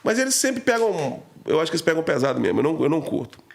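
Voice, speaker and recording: A man's voice: a little high, sing-song, racing, gravelly. A man talking as a podcast guest, telling an emotional story in a slangy, casual way full of fillers.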